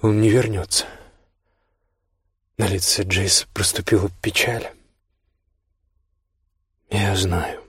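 A man reading a first-person novel aloud, sardonic and low-key. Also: steady tone, a little slow, long pauses, fairly bright tone, slightly rough, dry recording, clean studio sound. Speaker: audiobook narrator. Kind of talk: first-person scripted narration.

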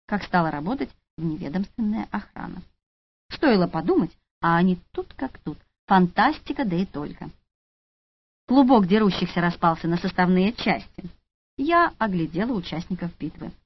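A woman reading a first-person audiobook with a wry, expressive delivery. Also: lowish voice, normal speed, breathy edge. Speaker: audiobook narrator. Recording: lo-fi audiobook recording.

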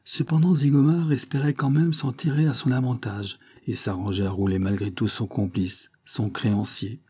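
A man reading a novel aloud as narrator, in steady, measured storytelling. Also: medium pitch, breathy edge. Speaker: audiobook reader. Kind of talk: scripted narration.

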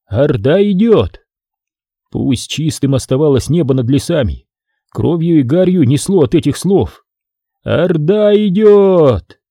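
A man narrates a historical novel in a measured, dramatic reading, his voice very dark and husky. His pitch moves in lively arcs with the story. The close-miked recording is completely dry, with no room sound. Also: no echo. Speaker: audiobook narrator. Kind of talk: scripted narration.

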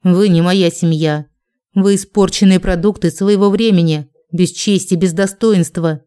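A woman voicing a cold, proud male dragon in an audiobook, speaking slowly and with contempt. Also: high-pitched, steady tone, mellow, smooth. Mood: bitter. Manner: slow, contemptuous, menacing.

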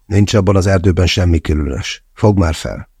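Man playing a grumbling male skeptic, deep, gravelly, dark, dry audiobook read. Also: dry recording, heavily acted. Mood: gruff. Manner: grumbling, curt. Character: gruff skeptical man, coarse and blunt.

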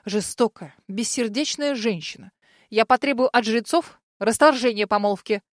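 A woman's voice: a little high, moderate pace, no echo, studio quality, lightly acted. A woman putting on a sarcastic ghost dragon. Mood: melodramatic. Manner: mocking, melodramatic complaining.

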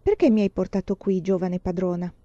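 A woman voicing a shy, devoted young man who speaks haltingly and blushes in a storybook reading. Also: sits high, fairly even intonation, warm tone, no room sound, dull audio, close to an everyday voice. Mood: bashful. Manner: bashful, halting.

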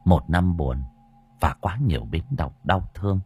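A man narrating a story slowly and dramatically, letting his voice swell at tense moments. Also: sits low, animated, darkish tone, husky. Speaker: audiobook narrator. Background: faint background music.

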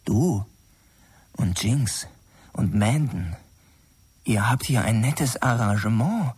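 In a radio play, a tormented man weighed down by guilt. His tone is tense and brooding, and he speaks slowly. He drops to a whisper when dread takes hold. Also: mid-range voice, animated, a little mellow, slightly rough, heavily acted. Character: haunted troubled man, fearful and guilt-ridden. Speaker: lead character. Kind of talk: radio drama acting.

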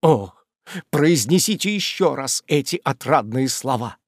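Soft-spoken sentimental suitor, tender and slow, voiced by a male narrator, dry close sound. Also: mid-range voice, lively intonation, breathy edge, no echo. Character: sentimental young gentleman, lightly wounded, tender suitor. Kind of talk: audiobook character voice.

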